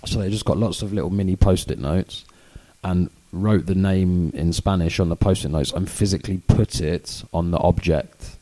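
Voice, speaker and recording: With a deep, mellow voice at a moderate pace, a British co-host who calls his own accent chavvy chats casually about educational topics. He explains things informally and rambles, dropping in lots of "you know"s.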